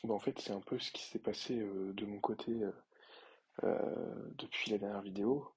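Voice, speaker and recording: A young man with a low-pitched voice talks through his update casually, stumbling into pauses and fillers as he goes. His voice is raspy and husky. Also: fairly even intonation, darkish tone, rough recording. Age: young adult. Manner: hesitant, many fillers. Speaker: finance vlogger. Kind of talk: casual screen-share commentary.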